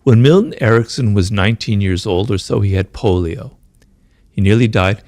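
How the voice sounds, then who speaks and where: A man answering interview questions, explaining at length, talks fast and keeps checking in with "right?" and "you know". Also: fairly low pitch, lively intonation, a little mellow, no echo, studio quality. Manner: talks fast, says his mind races. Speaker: author being interviewed.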